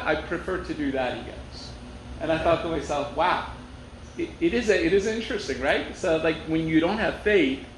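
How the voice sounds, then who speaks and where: A man's voice: a little high, fairly bright tone. A man from Turkey preaching in a conversational, storytelling way, asking rhetorical questions. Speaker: pastor. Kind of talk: sermon. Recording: echoey room with faint noise.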